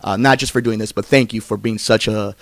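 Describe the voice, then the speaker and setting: Gravelly and lowish, this American podcast host's voice stays steady as he speaks fairly quickly, earnest and effusive through a casual interview and sign-off. There's no echo.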